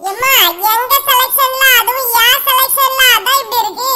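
A boastful shopkeeper woman scolds and brags in a Kanyakumari accent, with a woman acting her. Her voice is very high and piercingly bright. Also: steady tone, normal speed, full character voice. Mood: scolding. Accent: Kanyakumari Tamil. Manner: scolding, show-off. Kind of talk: comic sketch acting.

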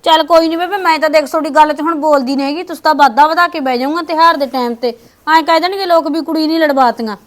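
A woman's voice: sits high, quick pace, lightly acted. A woman playing a soothing grown daughter. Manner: soothing, pleading. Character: grown married daughter visiting her mother, peacemaker.

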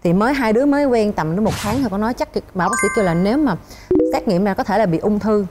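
A woman in her thirties with a Southern Vietnamese accent, a guest on a TV talk show, telling a story in an animated way and acting out what others said. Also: medium pitch, fast, loud music behind the voice. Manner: animated, acts out quoted lines, laughs while telling. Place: TV studio.

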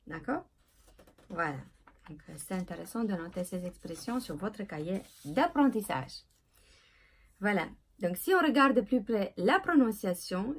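A woman teaching English pronunciation in French, checking in with "ok?" and "voilà", and slowing down to model English phrases. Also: fairly high pitch, slightly rough. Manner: switches between French explanation and English examples, frequent "ok?" and "voilà"; slow, drawn-out model pronunciations. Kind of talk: language lesson.

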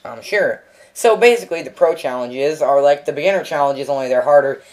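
Young guy rambling over his gameplay, jokey and self-mocking, mid pitch. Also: a little fast, darkish tone. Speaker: gameplay commentator. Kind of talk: let's play commentary.

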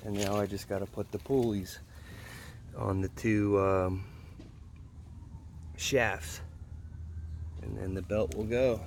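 Out on a concrete patio, a man who enjoys pressure washing explains his build one step at a time in an informal, chatty way. His lowish voice is steady, slow, and a little mellow, with vocal fry and frequent pauses. The handheld phone recording it from behind the camera picks up slight background noise.

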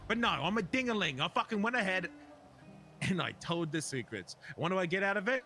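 A man argues in an online game role-play, aggrieved and quick to curse. His voice is high and bright, with lively swings in pitch. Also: soft background music. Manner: aggrieved, argumentative, sweary. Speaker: role-play gamer playing a biker club member.

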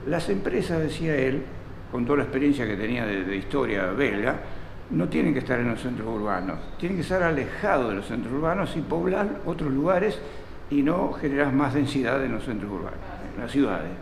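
An older man born in Italy tells the story with lively, direct storytelling and a gravelly, creaky voice. He is recorded close up in a small room with a long reverberant echo. Faint noise sits under the speech. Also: mid-range voice, a little fast. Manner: animated storyteller, addresses listener directly. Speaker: local historian guide. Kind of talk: storytelling interview. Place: small indoor room with air conditioner. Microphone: camera close in front.

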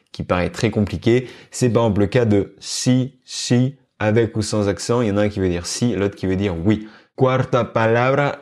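Guy teaching spanish online, kinda low voice, patient, says words over slow. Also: a little mellow. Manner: explains patiently, repeats words slowly. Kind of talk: online language lesson.

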